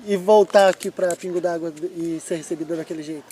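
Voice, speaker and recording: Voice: mid-range voice, fairly even intonation, fast talker, mellow. Interviewer asking brief questions. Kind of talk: casual interview.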